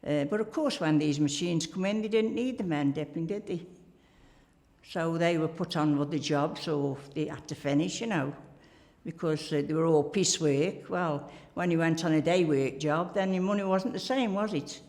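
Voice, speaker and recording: Speaking in a deep, slightly mellow voice at a moderate pace, an older woman recalls her pottery-working days in an interview. She's from Staffordshire, England, and her meandering, chatty stories are filled with "like" and "you know," captured in a reverberant room.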